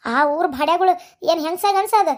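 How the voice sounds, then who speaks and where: A woman's voice: very high-pitched, fairly quick, a little mellow. A woman voicing an older, fiery grandmother in a cartoon, scolding and heaping curses in a North Karnataka Kannada accent. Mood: cursing. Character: fiery cursing old grandmother, sharp-tongued. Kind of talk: cartoon voice acting.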